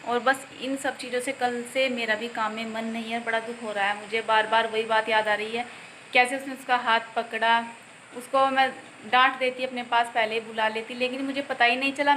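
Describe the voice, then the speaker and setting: A woman's voice: on the high side, pushed and bright, a little hiss or hum, rough recording. A woman family vlogger chatting casually and directly to her viewers at home. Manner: chatty, talks straight to viewers. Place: at home indoors.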